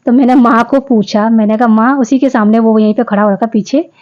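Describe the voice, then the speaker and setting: A woman in her fifties talks viewers through her day in a chatty, homely voice-over. Her voice is mellow and relaxed. The recording is dull and lo-fi. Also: fairly high pitch, fairly quick. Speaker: vlogger. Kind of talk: casual vlog voice-over narration.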